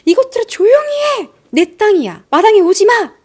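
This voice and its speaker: A woman's voice: very high voice, sing-song, a little fast, darkish tone, voice pushed up. A woman voicing a bossy, angry middle-aged female neighbor who shrieks and scolds. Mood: furious yelling.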